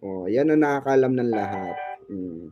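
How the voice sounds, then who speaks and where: A man's voice: on the low side, animated, moderate pace, dull audio, background noise. A man hosting a fan channel, chatting about showbiz in a gossipy, teasing way and laughing often. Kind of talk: casual showbiz commentary.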